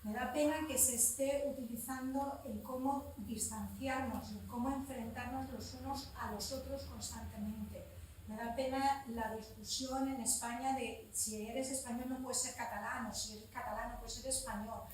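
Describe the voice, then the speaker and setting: Speaking from the audience at a public event, a frank Spanish woman in her forties makes a heated, unplanned comment, swearing casually and restarting many times. Her slightly high voice is darkish and steady, at normal speed, captured from a distance in an echoey room with slight background noise.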